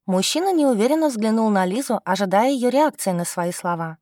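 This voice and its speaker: A woman's voice: medium pitch, expressive, brisk, mellow, no room sound, studio quality. Woman narrating a romance audiobook.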